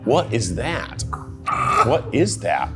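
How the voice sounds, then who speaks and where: A man's voice: medium pitch, slow pace, music in the background. A man hosting a casual tasting chat, joking and playing with words. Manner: animated, jokey, wordplay. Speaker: host.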